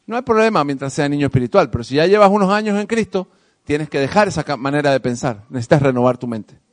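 A male pastor preaching a sermon to his congregation, swinging from soft asides to loud emphasis and calling for responses. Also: fairly high pitch, lively intonation, quick pace. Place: church hall with congregation. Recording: long hall reverb.

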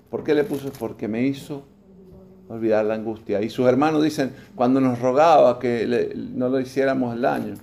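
A man's voice: mid-range voice, vocal fry, dark tone. A man over forty preaching a sermon, reading scripture aloud and putting questions to his congregation. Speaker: pastor.

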